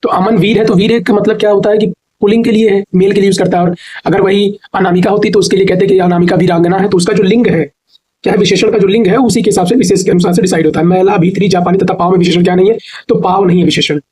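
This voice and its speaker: A male teacher with a North Indian Hindi accent runs an exam-prep grammar lesson, posing questions and then answering them himself while slowly spelling words out syllable by syllable. His voice is high with fairly even intonation and a darkish tone, and the recording is rough.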